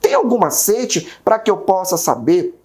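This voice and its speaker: A woman's voice: fairly low pitch, sing-song, normal speed, a little mellow. A woman with a Brazilian Portuguese accent voicing a curious student who eagerly asks the teacher questions.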